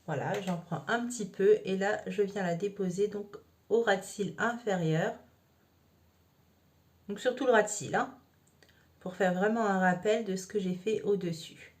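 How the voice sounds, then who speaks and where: A woman talks viewers through her makeup in a relaxed, chatty way. She narrates each step as she goes, with plenty of small fillers, at a middling pitch for a woman. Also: measured pace, long pauses. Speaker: makeup vlogger. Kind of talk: casual makeup tutorial.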